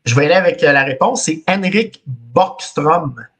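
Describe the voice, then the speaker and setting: A man in his thirties with a Quebec French accent hosts a quiz over a webcam call. His voice sits a bit high and sounds husky. He reads the clues in the first person and laughs often. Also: animated, moderate pace, fairly bright tone. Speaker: quiz host. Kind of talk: casual podcast quiz on a video call. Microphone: video call webcam.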